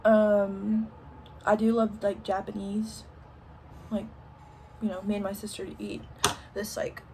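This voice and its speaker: A woman's voice: mid-range voice, mellow, slight background noise. Chatty young woman with a country twang. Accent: Southern US country. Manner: chatty, many ums and likes. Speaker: vlogger. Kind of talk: casual Q&A while doing makeup. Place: home, indoors.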